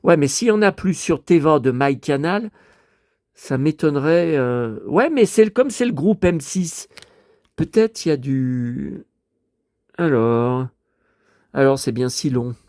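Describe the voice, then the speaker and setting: French guy vlogging at home, a bit high-pitched, unhurried, rambly and mutters, dry close sound. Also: expressive, a little mellow, no echo. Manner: rambling, muttering, mild swearing. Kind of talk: casual chat to viewers.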